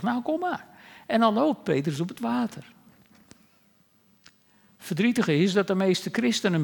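Wry preacher man in a reverberant church. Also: high-pitched. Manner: conversational, wry asides. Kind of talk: sermon.

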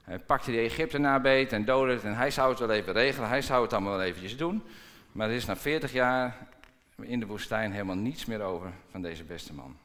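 A man's voice: mid-range voice, brisk, fairly bright tone. A man preaching a sermon, acting out the quoted dialogue with dramatic shifts of tone. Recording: long reverb in a large hall.

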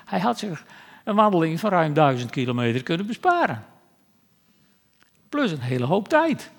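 A man's voice: on the high side, sing-song, moderate pace, gravelly, big-room sound. A male preacher giving a sermon in a conversational way, with wry asides.

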